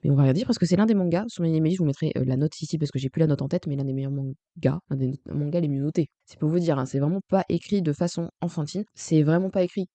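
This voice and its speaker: A young man with vocal fry and a morning voice, chatting casually to camera as a vlogger in a rambling, self-correcting way. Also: on the high side, fast talker, few pauses, dark tone, dry recording. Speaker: manga vlogger.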